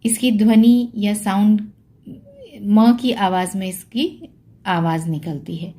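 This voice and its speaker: A woman teaching Sanskrit pronunciation, sounding words out slowly and patiently and asking questions that she then answers herself. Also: medium pitch, steady tone, mellow. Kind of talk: spoken pronunciation lesson.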